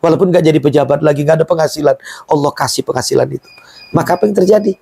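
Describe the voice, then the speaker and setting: A man's voice: a little high, racing, gravelly, warm tone, breathy edge, no echo, clean studio sound. A middle-aged man founding a Quran museum and boarding school, telling his story in an emphatic, emotional way during an interview.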